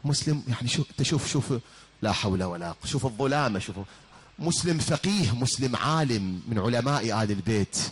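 A man's voice: mid-range voice, animated, fast, husky. A male preacher with an Iraqi accent tells a religious story in a sermon, impassioned and full of rhetorical questions. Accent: Iraqi Arabic. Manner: impassioned, rhetorical, addresses listeners directly.

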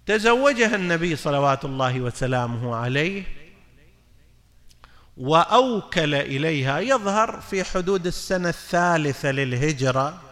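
Man, preacher, bright tense voice, long hall reverb. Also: on the high side, lively intonation, moderate pace. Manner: mixes formal Arabic with colloquial asides, asks listeners questions. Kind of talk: religious lecture.

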